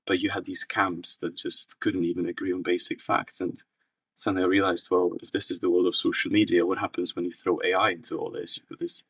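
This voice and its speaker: Low, husky young man, distant and dry. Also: level tone, fairly quick, fairly bright tone, dry recording. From Czech Republic. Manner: thoughtful, many restarts and fillers. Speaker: researcher guest. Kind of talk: casual interview answers.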